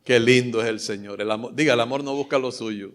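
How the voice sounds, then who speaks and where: A pastor delivers a fervent sermon, his voice rising into loud declarations and then dropping to soft, intimate asides. He speaks in a middle register. His delivery is heartfelt and expressive. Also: medium pitch, brisk, slight background noise. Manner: fervent preaching, swings between loud exclamations and soft asides.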